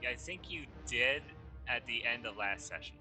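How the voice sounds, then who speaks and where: A man's voice: medium pitch, expressive, moderate pace, sharp tone. Easygoing man running a tabletop game. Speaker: game master. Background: background music.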